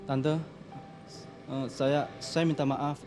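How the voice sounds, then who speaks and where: A man's voice: medium pitch, flat delivery, slow pace, music in the background, lightly acted. An actor playing a young man who hesitantly apologizes. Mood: apologetic. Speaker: son. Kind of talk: TV drama acting.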